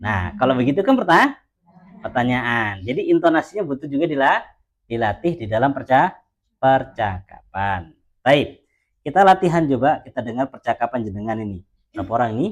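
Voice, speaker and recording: A male teacher leads a language lesson. He explains patiently and often repeats himself, sounding out example phrases slowly so his students can follow. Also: medium pitch, big pitch swings.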